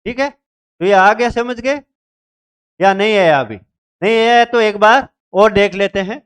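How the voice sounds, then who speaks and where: High-voiced teacher drilling terms. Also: male voice, measured pace, a bit bright, smooth. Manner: repeats key terms, asks and answers his own questions. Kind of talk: exam-prep literature lecture.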